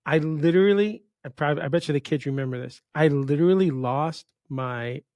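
A fiftysomething New Yorker hosting a casual podcast interview drifts through storytelling and keeps cutting into his own remarks. His voice is fairly high and a little mellow, at normal speed, with no echo.

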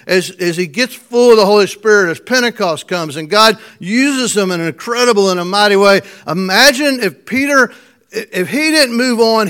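A man preaching a sermon, telling stories with frequent chuckles and dropping from loud emphasis to a soft hush. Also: high voice.

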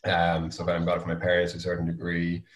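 A man's voice: sits low, monotone, fast. A man with a west of Ireland accent chatting casually as an interview guest, loosely phrased and full of filler phrases. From Galway, west of Ireland. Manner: hesitant, frequent 'you know' and 'kind of' hedging. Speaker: guest, volunteer youth mentor. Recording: roomy, echoey sound.

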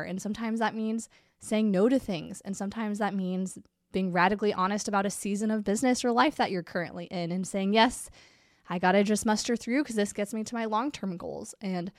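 A congested woman hosts her business podcast in a candid, upbeat chat. Her voice sits at a middle pitch. The sound is dry and close, with no room around it. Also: no room sound. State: congested from a cold. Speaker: podcast host and business coach. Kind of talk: casual solo podcast talk.

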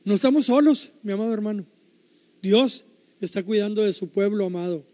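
An older male preacher with a very high yet mellow voice delivers a brisk, emphatic sermon. He repeats key phrases and poses rhetorical questions to the congregation, his words ringing with long reverb as though in a large church hall.

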